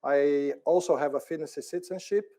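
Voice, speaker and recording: A man's voice: a little high, fairly even intonation, normal speed, mellow. A middle-aged man from Brazil speaking on a conference panel, often repeating words as he talks. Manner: hesitant, repeats words, laughs easily. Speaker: department head on a panel.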